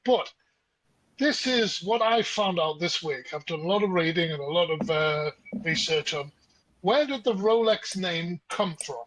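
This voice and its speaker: Chatty storytelling man, high-pitched. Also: animated, a little slow, a bit bright, no room sound, rough recording. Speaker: podcast co-host. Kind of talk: casual chat.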